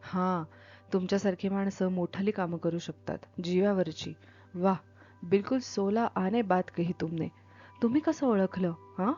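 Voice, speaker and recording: Give me a drunk, emotional, grieving man, read by a woman in a storybook, with soft music behind. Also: mid-range voice, a little slow, lightly acted. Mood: excited. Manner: emotional, swings between outbursts and mumbles. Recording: dull lo-fi with faint music.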